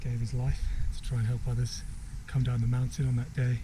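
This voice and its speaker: Filming his trek on a handheld camera, a man walks a high mountain trail and narrates in a casual, upbeat vlog, chatting and thinking aloud. His mid-range voice is monotone and fairly quick. The outdoor camera mic clearly picks up wind, mountain ambience and helicopters.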